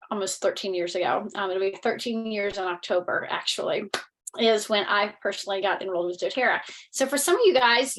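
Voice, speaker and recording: A woman's voice: medium pitch, a bit bright, poor audio. A woman in her thirties from North Carolina with a Southern accent, candidly presenting on a webinar from home over a video call. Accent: Southern American. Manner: candid, blunt, chatty with many fillers. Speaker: network marketing leader.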